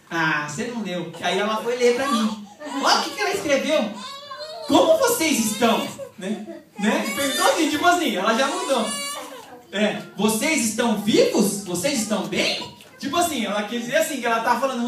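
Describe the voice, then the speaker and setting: A woman with a Brazilian Portuguese accent preaching a sermon at a church service, telling stories lively and acting out the quoted dialogue. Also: on the high side, noisy background. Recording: echoey hall, mic far off, congregation behind.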